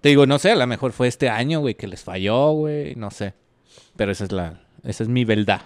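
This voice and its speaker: A man's voice: medium pitch, expressive, fairly quick. A man with a northern Mexican accent in casual podcast chat, joking with heavy slang and swearing. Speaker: podcast panelist.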